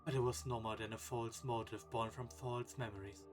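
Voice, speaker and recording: A man voicing a calm, solemn young man who has blinded himself, reading game dialogue aloud in a quiet, measured way. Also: mid-range voice, over music, close to an everyday voice. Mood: somber. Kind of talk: let's play dialogue reading.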